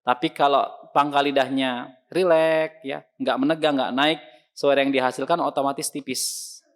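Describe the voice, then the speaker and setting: A man teaches Quran recitation in an online lesson. His voice sits at a middle pitch. He explains calmly and repeats each sound loudly to demonstrate it. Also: moderate pace.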